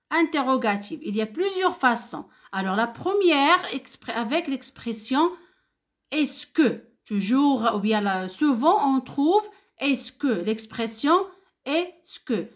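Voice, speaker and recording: A woman with a Moroccan French accent teaching a grammar lesson to young pupils, patient and repetitive, lifting her voice on example questions. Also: high-pitched. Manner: slow, patient, repeats key words, rising question intonation. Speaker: primary school teacher.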